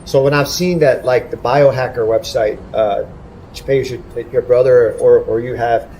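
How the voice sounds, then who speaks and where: A man co-hosts a podcast in casual chat, feeling his way into a question. He talks hesitantly and fills his pauses with many fillers. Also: mid-range voice, mellow, slight background noise, rough recording.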